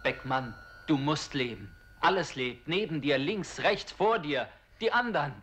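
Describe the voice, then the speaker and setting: A man's voice: a little high, animated, unhurried, a bit bright, voice pushed up. A man voicing the Other, an insistent male yes-sayer who urges a despairing soldier to live, in a dramatic reading of a stage play. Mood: urgent, coaxing. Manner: urgent, coaxing, insistent.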